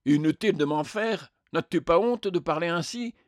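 An indignant, resentful burly ghost, as a man reading the tale puts him on, voice pushed higher and louder than the narration. He protests and complains in a storybook reading, recorded dry and close. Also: moderate pace, no echo, close to an everyday voice.

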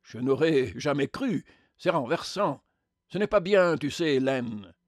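An indignant, resentful burly ghost, as a man reading the tale puts him on, voice pushed higher and louder than the narration. He protests and complains in a storybook reading, recorded dry and close. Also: expressive, unhurried, no echo.

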